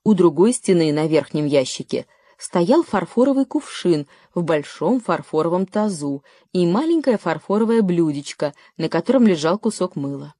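A woman reading a children's story aloud as narrator, in a steady, even storytelling manner. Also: fairly low pitch, normal speed, no echo, clean studio sound. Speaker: audiobook narrator. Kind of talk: scripted narration.

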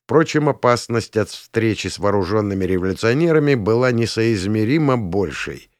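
A man narrating a first-person novel in a calm, measured reading. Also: lowish voice, no echo, studio quality. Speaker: audiobook narrator.

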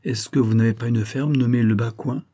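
A man voicing an anxious young gentleman suitor who speaks in a measured, tense, hushed way. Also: mid-range voice, steady tone, lightly acted. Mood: uneasy.

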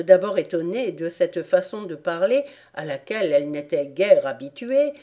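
A woman reading a children's storybook aloud in a slow, measured narration. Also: on the low side, warm tone. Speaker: audiobook reader.

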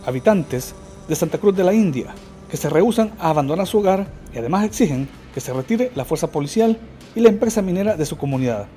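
A man reading a scripted radio news report in a measured, even way. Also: high voice, faint music behind. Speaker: field reporter.

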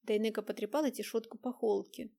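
A woman reading an audiobook in an even, measured narration. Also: a little high, vocal fry. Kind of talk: scripted narration.

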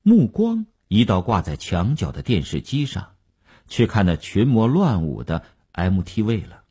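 A man reads a novel aloud in a measured, expressive storytelling manner. His low, husky voice rises and falls dramatically. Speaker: narrator. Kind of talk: audiobook narration.

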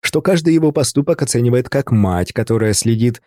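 A man narrating an audiobook in an even, measured literary reading. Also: medium pitch, no room sound, clean studio sound.

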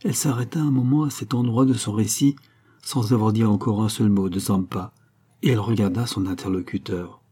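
A man narrating a classic novel in a steady, measured reading. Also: fairly low pitch, husky. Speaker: audiobook narrator.

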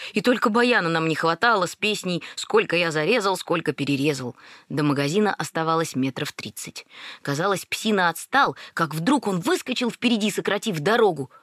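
Woman narrator, lower voice, lively wry storytelling, dry close mic. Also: dry recording. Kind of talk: first-person story narration.

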